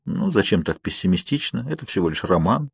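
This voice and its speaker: A man voicing a calm, protective young male vampire who speaks softly and evenly. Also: sits low, vocal fry, slightly rough, no echo, studio quality, heavily acted. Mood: gently teasing. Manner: soft, measured, gently teasing.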